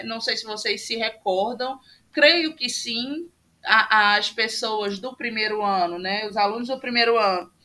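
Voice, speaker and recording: Slow, bright-voiced woman teaching online. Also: fairly high pitch. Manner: patient, explaining step by step with many fillers. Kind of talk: online class lecture. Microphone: computer mic on a video call.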